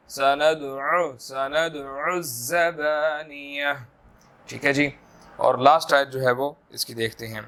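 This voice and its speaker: A man teaching a tajweed lesson, chanting verses slowly and then explaining the rules briskly, often checking in with his listeners. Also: on the high side, bright, forceful tone. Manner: checks in with listeners, asking "theek hai ji". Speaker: Quran recitation teacher. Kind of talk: tajweed lesson with slow recitation.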